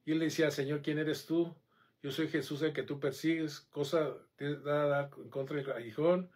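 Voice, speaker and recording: A man delivers a sermon, speaking in a fairly high voice. He is animated and conversational. He keeps turning to the congregation with quick questions. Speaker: preacher.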